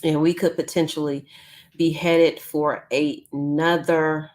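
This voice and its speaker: Hosting her YouTube news stream live from home, a woman chats casually, peppering her speech with ums while she loses her voice. It's deep and a little mellow, delivered flatly at a slow pace.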